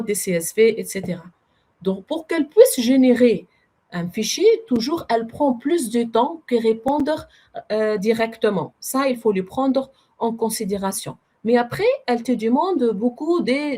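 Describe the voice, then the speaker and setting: Woman demoing software, husky voice. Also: fairly high pitch. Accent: non-native French. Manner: explanatory, addresses audience as friends, self-corrects. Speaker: AI trainer presenting a webinar. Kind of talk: live software demo webinar.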